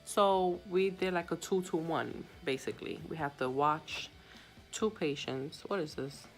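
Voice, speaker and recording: A woman's voice: low voice, a little slow, faint music behind, rough recording. A young woman who works as a hospital sitter, telling a story in a chatty, subdued way with many fillers and recording on her phone. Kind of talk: casual story-time vlog.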